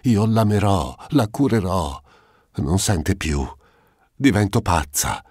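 A man's voice: sits low, very animated, slow, darkish tone, slightly rough, no room sound, studio quality, voice pushed up, exaggerated voice. A man voicing a desperate noblewoman pleading at her dying father's bedside in an audiobook. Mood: anguished pleading. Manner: pleading, sobbing outbursts. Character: desperate grieving noblewoman, young daughter.

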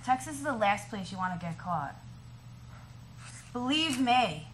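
A woman acting a terse, bright-voiced woman on the run. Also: fairly high pitch, sing-song, unhurried, a little hiss or hum. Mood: guarded, uneasy. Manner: terse, stubborn. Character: guarded, irritable woman on the run. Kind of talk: acting class scene reading. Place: indoor acting class.

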